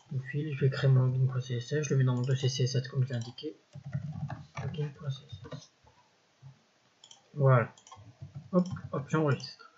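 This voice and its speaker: A man with a medium-pitched, somewhat husky voice thinks aloud through a casual screen-recorded coding walkthrough. His phrasing is relaxed and halting, he corrects himself as he goes, and he drops quick "voilà" and "hop" interjections between steps. The recording sounds a little dull and lo-fi.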